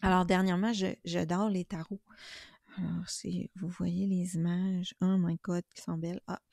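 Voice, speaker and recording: A middle-aged woman with a Québécois accent, talking calmly and soothingly in a casual spiritual vlog about inner peace and tarot. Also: lowish voice, normal speed, gravelly, dry recording, clean studio sound. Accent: Québécois French. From Quebec. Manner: calm, soothing, gently reflective. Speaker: spiritual YouTuber and tarot reader.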